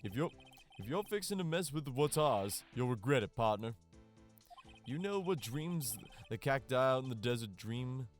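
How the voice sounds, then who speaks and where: A man's voice: medium pitch, expressive, normal speed, faint music behind, natural voice. A man voicing a swaggering male detective who talks like a Wild West cowboy, drawling in frontier slang.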